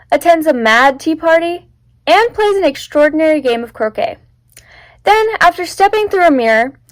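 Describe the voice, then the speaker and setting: A woman's voice: high voice, no room sound, poor audio. A young woman presenting a scripted book club segment.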